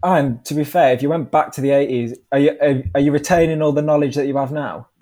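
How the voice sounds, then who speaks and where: A man's voice: a little high, steady tone, fast, dark tone. A British man in his twenties chatting casually as an interview guest, informal and laid-back. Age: 20s. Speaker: podcast guest, professional cyclist. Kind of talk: casual chat.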